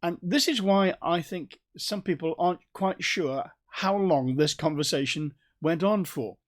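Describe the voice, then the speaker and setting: A man's voice: on the high side, unhurried. A man teaching a Bible study, explaining the text and stressing key words emphatically.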